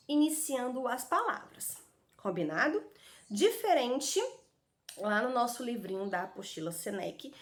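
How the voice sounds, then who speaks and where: A Brazilian woman teaches young children online, her voice swinging up and down in a lively sing-song. She sounds out letters and syllables slowly and calls the kids by affectionate pet names. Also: medium pitch. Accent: Brazilian Portuguese. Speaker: primary school teacher. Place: home recording with street dogs barking outside.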